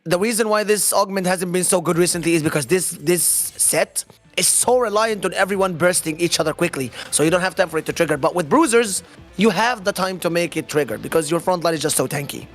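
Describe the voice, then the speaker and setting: A man doing live esports commentary, excitable, explaining the game's mechanics. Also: high-pitched, fairly quick, soft background music. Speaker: esports caster.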